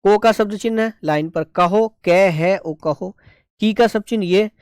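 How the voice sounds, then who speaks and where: A man's voice: sits high, moderate pace, clean tone, no echo, studio quality. A man teaching a shorthand class, explaining each stroke step by step and checking in often. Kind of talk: online class lesson.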